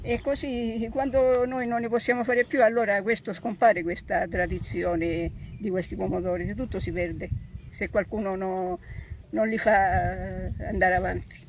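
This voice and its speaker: A woman's voice: mid-range voice, fairly even intonation, a little slow, lo-fi sound, slight background noise. An older woman from Sicily with a Sicilian accent, explaining farm work informally in plain, homespun, repetitive phrases. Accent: Sicilian Italian. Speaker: traditional tomato grower. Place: outdoors on a countryside plot.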